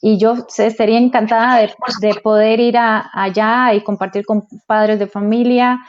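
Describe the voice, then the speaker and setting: A Costa Rican woman speaks as the guest in an online interview, eager and a bit halting. Her voice sits slightly high, and the call audio comes through dull and muffled. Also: flat delivery. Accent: Costa Rican Spanish. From Costa Rica. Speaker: guest educational psychologist.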